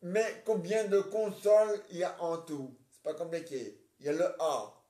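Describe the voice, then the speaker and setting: A man talking on his own in a casual, rambling monologue, muttering counts under his breath and clearing his throat between fillers. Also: a little high, a little slow, dark tone. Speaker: vlogger. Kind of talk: casual solo monologue to camera. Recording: roomy echo.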